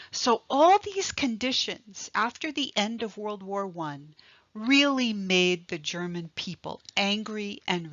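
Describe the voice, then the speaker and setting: A woman giving a recorded history lecture, explaining slowly and with emphasis, spelling out terms and stressing key words. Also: mid-range voice, a bit bright, no room sound. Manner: slow, deliberate, emphatic explaining. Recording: dry, slightly dull lo-fi recording.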